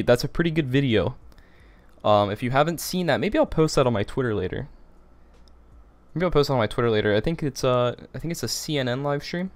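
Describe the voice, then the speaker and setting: A teenage boy with a deep voice hosts a livestream, reading out comments in casual chat. He rambles, repeats phrases and uses many fillers.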